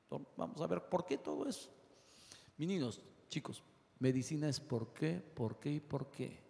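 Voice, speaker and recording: Animated male surgeon lecturing in a reverberant hall. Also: a little high, gravelly. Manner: animated, rapid lists, acts out patients. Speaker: surgeon lecturing medical students. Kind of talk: medical lecture.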